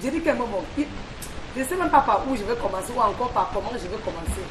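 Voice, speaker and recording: A woman's voice: fairly high pitch, lively intonation, quick pace, roomy sound, noisy background. A woman columnist on a morning talk show, telling a street story in a chatty, teasing way. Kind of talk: lively storytelling chat.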